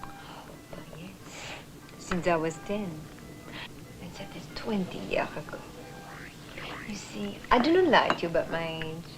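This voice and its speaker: Coy singer, lively teasing talk, music under her. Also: lowish voice, measured pace, pauses often. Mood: flirty. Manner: coquettish, teasing. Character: flirtatious singer, coy and playful. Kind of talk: film acting. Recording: film soundtrack with music.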